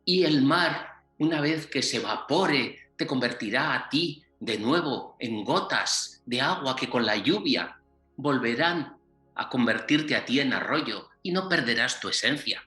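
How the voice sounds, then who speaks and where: The wise voice of the desert, as a man speaks it in a told tale, insistent and admonishing, a little above his usual pitch. The tone is bright and pressing. It rings in a roomy, echoing space with faint music behind. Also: expressive, measured pace. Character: wise patient voice of the desert, grows stern.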